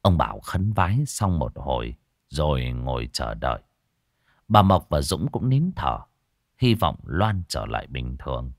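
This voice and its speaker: A man's voice: a bass voice, very animated, a little slow, no echo, clean studio sound. A man narrating an audiobook story expressively.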